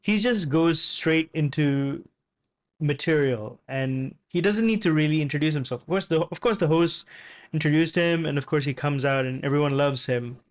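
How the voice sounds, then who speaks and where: A man giving casual reaction commentary on a comedy clip, relaxed and chatty, laughing often. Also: on the high side, normal speed.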